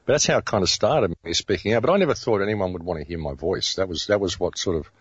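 A man's voice: sits low, animated, quick pace, husky, no room sound, muffled recording. A middle-aged Australian man, a radio host, telling his story in a casual interview with many restarts and fillers.

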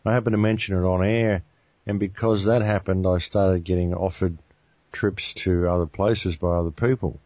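An Australian man, a guest on a talk show, telling a long travel story in a relaxed, rambling way with frequent restarts. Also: sits low, normal speed, no echo, lo-fi sound. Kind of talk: casual interview talk.

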